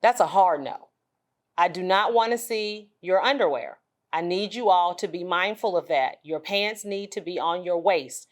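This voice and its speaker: A woman speaking as a school administrator, giving students an informal announcement in a firm, emphatic, deliberate way with pauses. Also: on the low side.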